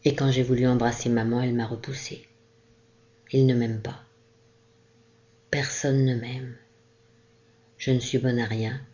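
A small crippled girl, lonely and despairing, as a woman reads her part aloud. The voice is mellow and soft, pleading through a storybook reading. The recording sounds dull and lo-fi. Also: very deep voice, flat delivery, a little slow, long pauses.

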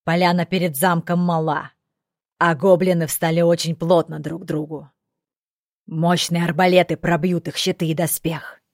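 A woman voicing an elderly, gruff male corporal who lectures in a measured, didactic way, in an audiobook. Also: lowish voice, level tone, dry recording, clean studio sound, lightly acted. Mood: cool, reasoning.

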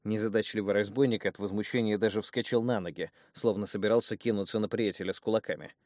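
A man reading a first-person fantasy audiobook in a measured, even storytelling manner. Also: fairly low pitch, no room sound, studio quality. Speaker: audiobook narrator.

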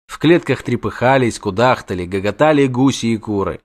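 A man reading a fantasy novel aloud as narrator, in a steady, measured storytelling manner. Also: medium pitch. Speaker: audiobook narrator. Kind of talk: scripted narration.

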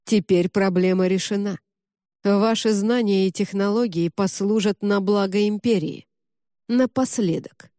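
A woman reading the part of a cold, composed middle-aged male cardinal inquisitor, who speaks calmly, slowly and with indifference. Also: mid-range voice, no room sound, studio quality, close to an everyday voice. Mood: measured. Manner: calm, slow, indifferent.

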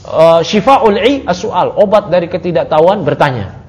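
A man teaching an Islamic study class, talking casually with his listeners and swinging from low asides to raised, emphatic points. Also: expressive, moderate pace, darkish tone. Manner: conversational, asks the audience, swings from low to raised emphatic tones. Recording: muffled audio recording.

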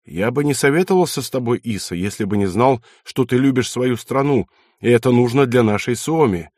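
A man's voice: mid-range voice, fairly quick, a little mellow, dry recording, close to an everyday voice. A hard-edged young officer, read by a male audiobook narrator, clipped and commanding with a cynical streak. The voice stays close to the reader's own and sounds dry and near. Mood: calm persuasion. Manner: curt and commanding, sometimes mocking.

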